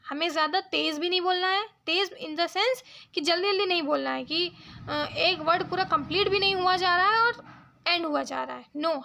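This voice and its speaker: Woman tutor, very high, gravelly voice; patient step-by-step lecture delivery. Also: pushed and bright. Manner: explains step by step, checks in with "ठीक है?". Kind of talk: Hindi-English exam lecture.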